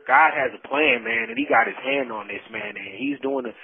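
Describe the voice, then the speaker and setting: Over a muffled, band-limited prison phone line, an incarcerated man shares a heartfelt, faith-filled testimony in casual vernacular, repeating himself for emphasis. His voice is fairly high and gravelly, with wildly swooping pitch and a slightly quick pace.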